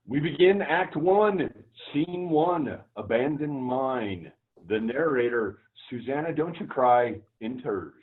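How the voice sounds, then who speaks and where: A man's voice: medium pitch, animated, takes it slowly, slightly rough. A man giving scripted narration, reading out stage directions. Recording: tinny, phone-like online audio.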